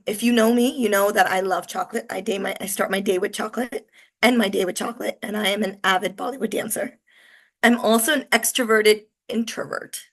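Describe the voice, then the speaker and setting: A woman in her forties, hoarse and coarse-voiced from illness, giving an upbeat, chatty online presentation over a video call with lots of fillers. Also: mid-range voice. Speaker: webinar presenter.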